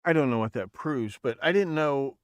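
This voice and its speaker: A man's voice: medium pitch, expressive, moderate pace. Rambling, profane male podcast host. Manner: rambling, profane, self-correcting. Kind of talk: casual livestream chat.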